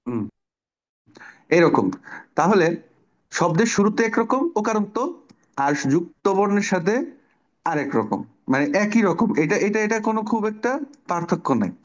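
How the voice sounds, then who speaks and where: A man's voice: sits high, big pitch swings, normal speed, pauses often, muffled recording. A man teaching an online children's class, patiently explaining pronunciation step by step and asking the pupils questions. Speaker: Bangla teacher.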